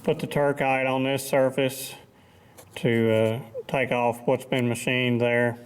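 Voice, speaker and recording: Male machinist, medium pitch, casual workshop explainer. Modest, plainspoken, matter-of-fact delivery. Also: level tone, slow. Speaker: machinist presenting his repair work.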